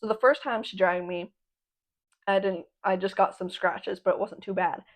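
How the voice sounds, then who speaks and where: A woman's voice: medium pitch, fairly even intonation, normal speed. A young adult woman hosting a podcast, rambling in casual slangy chat, swearing freely and laughing between remarks. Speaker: podcast host.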